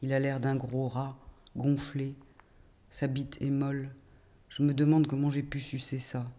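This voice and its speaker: A man recites a bitter, crude text he wrote himself , as an actor plays him. He reads slowly and deliberately, with a cold, measured delivery. His voice sits at an ordinary male pitch. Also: monotone, dark tone, lightly acted. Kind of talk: reading his own text aloud in a film scene.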